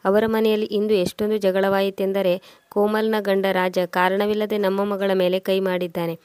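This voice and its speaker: A fierce mother who takes her daughter's side, as a woman narrator voices her in a storybook reading. Her voice runs flat and level. Dry, close sound. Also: medium pitch, moderate pace, dry recording, natural voice. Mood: indignant. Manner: firm, indignant.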